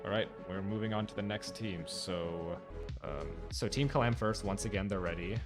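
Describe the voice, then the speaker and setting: Game music plays in the background as a teenage tournament host keeps up casual, upbeat stream chat. He speaks on the low side at a moderate pace, sprinkling in fillers and laughing easily.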